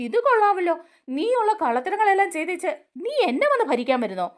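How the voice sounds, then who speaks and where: A woman's voice: very high-pitched, very animated, quick pace, voice pushed up. A woman voicing a scheming young woman who answers accusations indignantly and mockingly.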